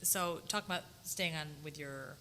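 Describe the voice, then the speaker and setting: Bright, low-pitched woman interviewer. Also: normal speed. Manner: encouraging, frequent "mm-hmm" and "yeah". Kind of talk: casual interview. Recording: roomy reverb with faint background noise.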